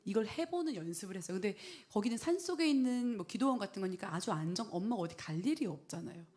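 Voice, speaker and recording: A woman's voice: mid-range voice, quick pace. Earnest Korean woman pastor giving testimony. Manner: earnest, lively storytelling with whispered prayers. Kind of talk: testimony sermon.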